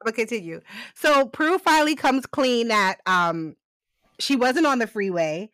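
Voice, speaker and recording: A woman's voice: on the high side, a little slow, no room sound. A woman, co-hosting a casual podcast and recapping a TV show, often laughing and swearing. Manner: laughs often, profane and animated. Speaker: podcast co-host recapping a TV series. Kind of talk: casual chat.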